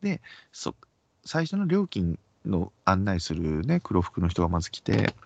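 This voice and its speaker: A man with a Kansai accent tells a story in casual chat, his pitch swinging widely as he acts out each person in it. His voice sits low and a little husky. The sound is dry and dull, like a lo-fi recording. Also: unhurried, no room sound. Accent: Kansai Japanese. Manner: animated, acts out quoted voices in pitch jumps and whispers.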